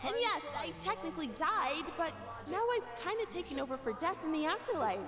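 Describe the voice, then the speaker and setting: A perky young ghost woman for a cartoon video game. Her very high, animated voice is chatty and earnest, trailing a long reverb over music. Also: a little fast. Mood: earnest, exasperated.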